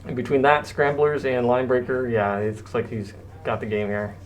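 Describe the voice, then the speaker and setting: A man's voice: mid-range voice, flat delivery, moderate pace. A man doing casual live tabletop game commentary, his voice muffled by a face mask. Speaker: match commentator.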